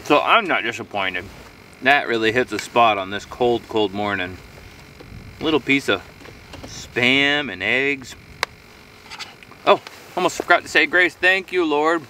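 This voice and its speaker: A man's voice: mid-range voice, measured pace, pauses often, pushed and bright, far from the mic, slight background noise. A middle-aged man in a casual solo outdoor vlog, rambling easily to himself while he eats, recorded outdoors by a camera a few metres off. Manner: rambling, easygoing, talking to himself while eating. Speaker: outdoor vlogger. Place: outdoors on a frozen lakeshore in winter. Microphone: camera on a tripod a few metres away.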